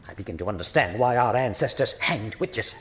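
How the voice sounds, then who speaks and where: An actor playing a grave, earnest and loyal British gentleman doctor who speaks formally and emphatically in a period radio drama. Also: medium pitch, animated, fairly quick, lightly acted. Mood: grave, horrified. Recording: long hall reverb.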